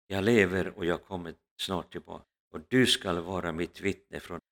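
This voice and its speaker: A man voicing Jesus in a story, speaking in a solemn, measured way. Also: sits low, creaky, a bit bright, in a large hall. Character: Jesus speaking with calm authority.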